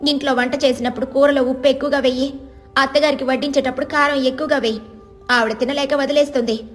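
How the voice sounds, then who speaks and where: A woman's voice: high voice, fairly even intonation, fast talker, soft background music, lightly acted. Woman playing a sly scheming village neighbor. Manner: bossy, coaxing and sly.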